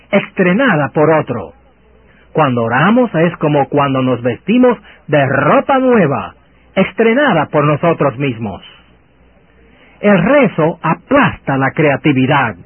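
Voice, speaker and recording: Slow male radio preacher, phone-like sound. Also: on the high side, breathy edge, dry recording. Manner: deliberate, emphatic, oratorical. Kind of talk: radio sermon, rhetorical questions and contrasts. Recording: over a radio, narrow phone-like band, muffled.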